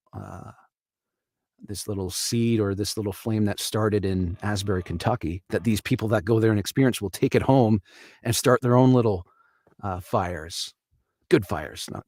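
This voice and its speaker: A man's voice: lowish voice, moderate pace, a little mellow, no room sound, clean studio sound. A man from Canada hosting a live stream, talking casually in an earnest, reflective way. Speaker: livestream host.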